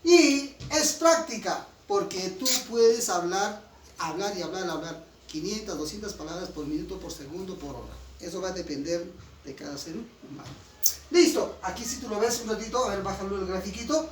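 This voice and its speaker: A classroom lecture comes from a man with a high voice, lively intonation and a moderate pace. He has a Peruvian Spanish accent from Huancayo and is emphatic, often checking with his students. The audio sounds distant and roomy, with faint noise in the room.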